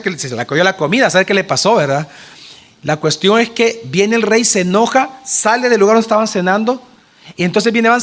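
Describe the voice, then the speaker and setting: A male pastor preaching a sermon, retelling a story with lively acted-out dialogue and questions to the congregation. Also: sits high. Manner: animated storytelling, acting out the characters' lines.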